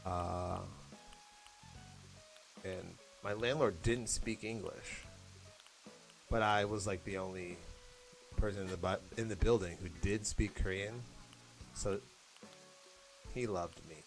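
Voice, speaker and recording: A man's voice: low-pitched, steady tone, takes it slowly, creaky, long pauses, faint music behind. A young American man chatting casually and rambling while he plays a game, laughing now and then. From United States. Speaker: gaming vlogger.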